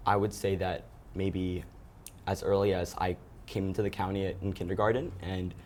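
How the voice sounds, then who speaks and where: Deep-voiced teenage boy being interviewed. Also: level tone, moderate pace, darkish tone, slight background noise. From Ethiopia. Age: teens. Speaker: student guest.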